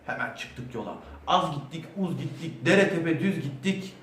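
A man's voice: a little high, animated, moderate pace, a bit bright. A man telling a children's story in a playful, theatrical way, as a clown doctor. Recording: roomy echo, mic at a distance, faint background hum.

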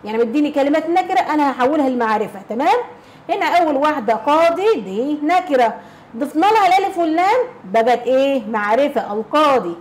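Egyptian woman teacher, fast and high, asks and answers her own questions, faint noise behind. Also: expressive, poor audio. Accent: Egyptian Arabic. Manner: asks rhetorical questions and answers them herself; repeats key phrases, checking with "okay?". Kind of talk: classroom lesson explanation.

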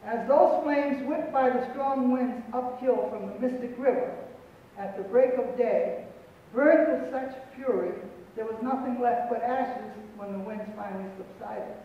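An older man giving a solemn, deliberate prepared speech on a panel, repeating phrases for emphasis. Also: very high-pitched, slight background noise. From Pequot territory, New England. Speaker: panel speaker. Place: auditorium stage, large indoor hall. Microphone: far room mic. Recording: echoey hall from far off, dull.

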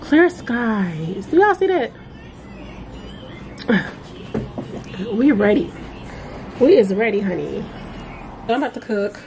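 A woman's voice: on the high side, very animated, slow pace, pauses often, a little mellow, slight background noise, poor audio. A young woman and mother chatting to viewers in a casual home vlog, laughing often and calling them y'all. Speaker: vlogger, mother. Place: small bedroom indoors. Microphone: handheld compact camera.

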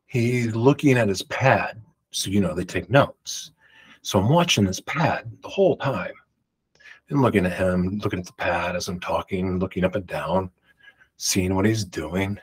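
Speaking at a measured pace in a low, husky voice, this vlogger rambles through a personal story for the camera with emphatic, loud projection. Pictures hang on the walls of his home room, and a large studio microphone stands next to him.

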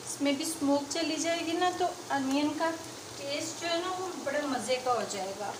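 A woman whose voice sits high hosts a home cooking video, talking at a moderate pace and explaining each step as she cooks at the stove. Her casual, chatty demo plays out against a noisy background of loud sizzling in an echoey kitchen.

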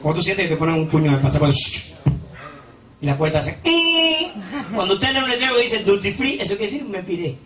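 A man with a Cuban accent telling a stand-up comedy routine in an animated way, often breaking into squealing character voices. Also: high voice, quick pace. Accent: Cuban Spanish. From Cuba. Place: comedy stage before a live audience. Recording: roomy live stage sound from far off, loud crowd. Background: audience laughter.

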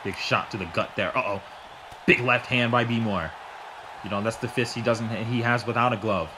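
A man doing excitable solo play-by-play of a wrestling match, swearing and breaking into shouts. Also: medium pitch, normal speed, noisy background. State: out of breath. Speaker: wrestling commentator.

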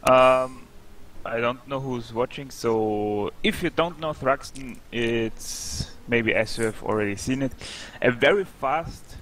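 Male co-commentator, slow and hesitant, faint hiss on the line. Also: medium pitch, a bit bright. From Austria. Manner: unhurried, hesitant, with frequent ums. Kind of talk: casual race commentary.

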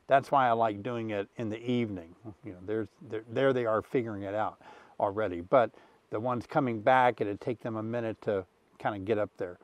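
Standing outdoors by his beehives, a beekeeping host in his sixties gives a casual how-to in a friendly, relaxed manner, using fillers along the way. His fairly low, fairly even voice runs a little fast, and the lapel mic picks up no room sound.

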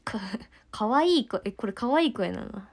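A woman's voice: fairly high pitch, moderate pace. Stuffy-nosed young woman chatting on stream. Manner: relaxed and chatty, with soft murmured asides. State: stuffy nose, congested. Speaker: idol livestreamer. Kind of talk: casual livestream chat answering comments.

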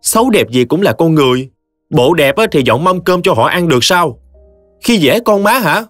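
A man's voice: a little high, very animated, normal speed, a bit bright, no echo, clean studio sound, faint music behind, pitched above the performer's own voice. A man voicing a hot-tempered elderly mother with a Southern Vietnamese accent, speaking in fiery exclamations. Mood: angry.

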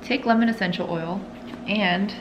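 A woman's voice: mid-range voice, normal speed, background noise. A young woman in her twenties chatting casually to camera in her home kitchen, giggly and giving tips, recorded on a compact camera. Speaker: lifestyle vlogger. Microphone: compact camera on the counter. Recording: background music under the voice.

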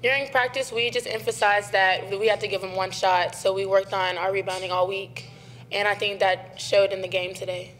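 A woman's voice: mid-range voice, steady tone, normal speed, fairly bright tone. A young woman college basketball player answering earnestly and reflectively at a desk microphone. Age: young adult. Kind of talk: postgame press conference answers.

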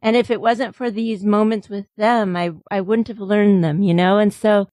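An American woman hosts a casual podcast chat, chatty and affirming as she talks. Her voice sits at a middle pitch. It is recorded dry and close, with no room sound. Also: fairly even intonation, normal speed, darkish tone, dry recording. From United States. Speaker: podcast host.

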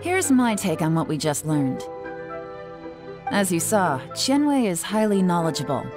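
A woman voicing a cool, shrewd investigator in a video game, composed, measured and analytical. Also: lowish voice, very animated, over music. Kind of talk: video game dialogue acting.

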